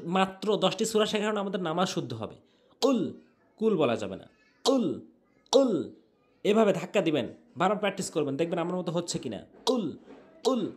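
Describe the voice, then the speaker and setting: A man teaching Quran pronunciation in a tutorial, drilling each sound slowly and repeating it with an earnest, coaching tone. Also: on the high side. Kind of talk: tutorial lesson.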